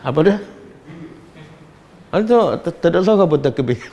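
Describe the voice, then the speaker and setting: A middle-aged man with a Malaysian Malay accent, giving a religious study lecture and questioning his audience in an animated, teasing way. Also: fairly high pitch, fairly quick, highs cut off, slight background noise. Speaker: religious teacher.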